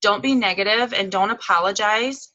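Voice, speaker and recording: A woman with a bright, forward voice recaps a weekend of tips over a video call, chatty and informal, with plenty of "um" and "like" fillers. Her voice sits at an ordinary middle pitch. The sound is dry and close, with almost no room around it. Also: normal speed, no echo, lo-fi sound. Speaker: guest speaker. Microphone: video call microphone.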